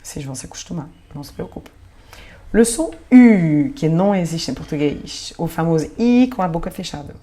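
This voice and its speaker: A woman's voice: low voice, lively intonation, fast, hardly any pauses, dark tone. A woman from Marseille with a French accent, patiently teaching French pronunciation and repeating example words one by one. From Marseille, France. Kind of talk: online language lesson.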